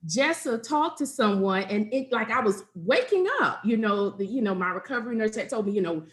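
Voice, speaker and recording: A woman's voice: medium pitch, animated, brisk, fairly bright tone. A woman sharing a frank personal story on an online panel. She talks openly and plainly, voices the people in her story and laughs as she goes. She is heard over a video call. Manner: candid storytelling, acts out quotes, laughs often. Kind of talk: personal testimony on a webinar panel.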